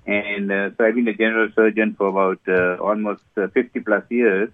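An older man from Sri Lanka, a surgeon, answering interview questions haltingly with many fillers. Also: lowish voice, little pitch movement, no room sound. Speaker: guest surgeon. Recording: tinny phone line.

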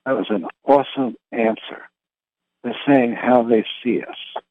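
A man leading a spiritual meditation talk, reading questions and answers deliberately in short, halting phrases. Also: mid-range voice. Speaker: meditation leader. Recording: roomy, thin phone-like sound.

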